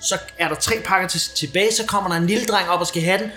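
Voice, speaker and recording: High-voiced man telling a crude story. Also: echoey room, soft background music. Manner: crude, animated anecdote telling. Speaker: podcast host. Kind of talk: casual comedic storytelling.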